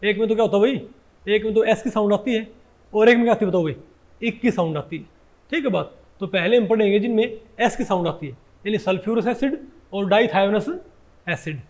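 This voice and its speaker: Lecturing on chemistry in Hindi, a male teacher keeps firing questions at his class, frequently says "bhai," and fixes his own sentences partway through. He speaks a little fast in a high, slightly mellow voice.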